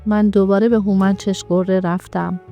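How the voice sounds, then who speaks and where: Woman storyteller reading a story, steady and brisk, middle voice, faint music under it. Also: mid-range voice.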